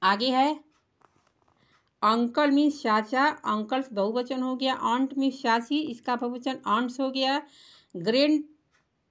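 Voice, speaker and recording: A woman with a high, somewhat bright voice teaches children English singular and plural words, speaking unhurriedly, pausing often, and patiently spelling each word letter by letter.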